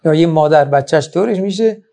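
Guy teaching a quran class, kinda high voice, fires off rhetorical questions. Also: vocal fry, warm tone. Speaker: religious teacher. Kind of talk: Quran lecture.

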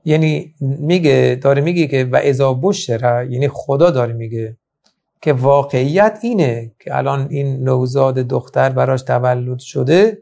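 A man's voice: medium pitch, creaky, mellow. A man teaching a Quran lesson in an emphatic manner, with many rhetorical questions. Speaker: religious teacher. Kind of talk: Quran lecture.

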